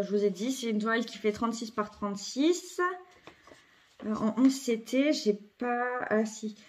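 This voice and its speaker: Nursing a cold, this woman with a fairly high, somewhat mellow voice talks her way through a craft unboxing at home. Her casual chat is hesitant and peppered with fillers and corrections.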